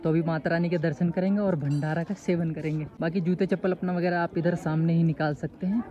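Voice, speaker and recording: With a slightly high voice and a steady tone, this young adult talks a little fast while vlogging his travels on a windy hill road. He addresses viewers directly in a chatty manner through a phone camera at arm's length, and the audio has its highs cut off.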